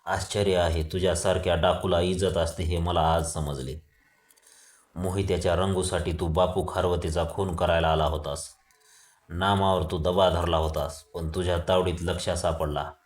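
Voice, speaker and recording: A man reading the lines of a stern male police inspector who talks loudly and harshly and mocks the man he arrests. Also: low-pitched, steady tone, moderate pace, echoey room, natural voice. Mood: mocking. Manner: loud, harsh, mocking.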